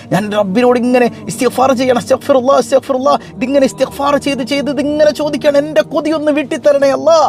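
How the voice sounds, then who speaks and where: A man's voice: high-pitched, a little mellow. A man voicing a humble bread seller who pleads emotionally in a retold religious story. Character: humble adult male bread seller, weeping and yearning.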